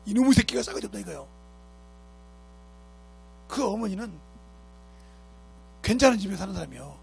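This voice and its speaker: A man's voice: high-pitched, big pitch swings, moderate pace, gravelly, breathy edge. A man preaching a sermon as pastor, emphatic and scolding, who keeps asking his congregation rhetorical questions. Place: church sanctuary.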